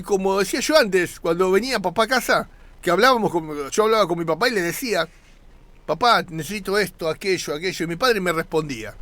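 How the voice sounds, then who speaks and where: Guy preaching, high voice, earnest and chatty, repeats himself. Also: a bit bright. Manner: earnest, conversational preaching with pauses and repetitions. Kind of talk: sermon.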